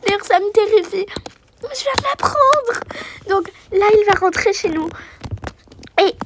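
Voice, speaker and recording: Woman doing a scared mom, really high voice, slow, lots of euh. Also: animated, background noise, full character voice. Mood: urgent. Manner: high-pitched, hesitant, full of fillers. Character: frightened young mother protecting her daughters.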